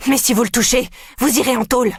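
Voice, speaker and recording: An audiobook reader voicing a defiant, desperate young woman in a thriller, with a husky voice. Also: fairly high pitch, fairly even intonation, quick pace, dry recording, clean studio sound, pitched above the performer's own voice. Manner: pleading, defiant. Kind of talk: audiobook dialogue.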